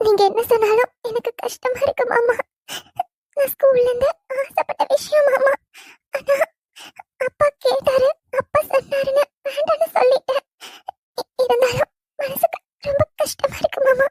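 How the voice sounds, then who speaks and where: A woman voicing a bold, quick-tempered college girl in a cartoon, sassy and sharp-tongued. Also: very high voice, steady tone, dry recording, clean studio sound. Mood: tearful. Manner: sassy and bold, turns tearful when hurt. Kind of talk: cartoon voice acting.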